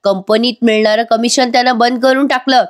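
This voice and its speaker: A woman's voice: on the high side, steady tone, brisk, voice pushed up, natural voice. A woman voicing a rude, arrogant young man. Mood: shouting. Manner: shouting, insolent.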